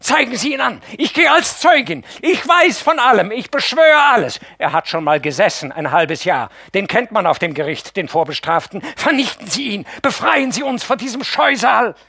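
A man's voice: high-pitched, expressive, slow, vocal fry, few pauses, a bit bright, husky, no room sound, clean studio sound, pitched above the performer's own voice, exaggerated voice. A man reading an audiobook, voicing a bitter, hysterical young woman who hurls frantic accusations. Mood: shrieking.

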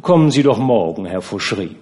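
A man's voice: fairly low pitch, very animated, fairly quick, a little mellow. A man reading a novel aloud and voicing a stern, calculating husband who answers with feigned amiability. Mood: feigned polite.

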